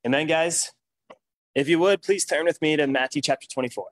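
A man's voice: a little high, brisk, dry recording. A man preaching a sermon at a pulpit microphone, reading scripture aloud and breaking in with emphatic remarks. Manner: reads scripture aloud, then comments with emphatic exclamations.

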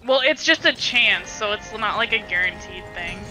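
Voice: medium pitch, expressive, normal speed, bright, forceful tone, soft background music, poor audio. A gamer chatting with friends over voice chat, rambling excuses and jokes and taking charge of the plan. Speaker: online game player. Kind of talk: casual gameplay chat with friends.

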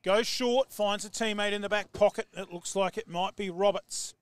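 An Australian man calling live football play-by-play, excitable and rising to shouts on big plays. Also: high-pitched, normal speed, clean tone, no echo. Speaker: football commentator.

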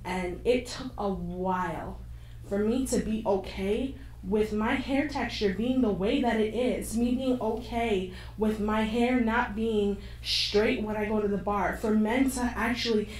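A young woman on a panel, telling a candid personal story with animated, frank delivery into a handheld mic on a stage. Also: medium pitch, a little slow. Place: stage of a screening room with an audience. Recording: echoey hall from far off, faint noise.

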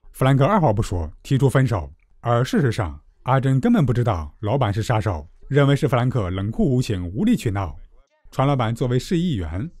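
A man giving a scripted, comedic movie recap narration with tongue-in-cheek, deadpan joking. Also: medium pitch, dry recording, studio quality.

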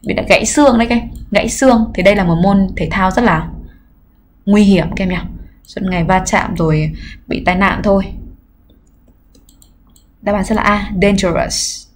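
A woman's voice: medium pitch, moderate pace, pauses often, slight background noise. Patient woman teacher reviewing an exam. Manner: explains patiently, often adds "các em" and "nhá"; frequent filler hesitations. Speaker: English teacher. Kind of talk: livestream exam review lesson. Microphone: computer mic during livestream.

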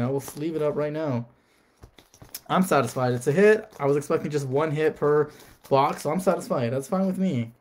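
A man's voice: fairly high pitch, a little mellow. A man chatting casually on a live stream, reading out card names and talking to viewers.

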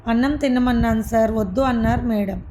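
A woman's voice: a little high, brisk, warm tone, natural voice. A woman voicing an amused nurse reporting on a patient, recorded with background noise. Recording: noisy recording.

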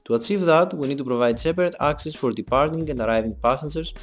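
A young man giving a scripted voice-over for a design presentation, in a measured, explanatory read. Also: a little high. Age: young adult. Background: soft background music.

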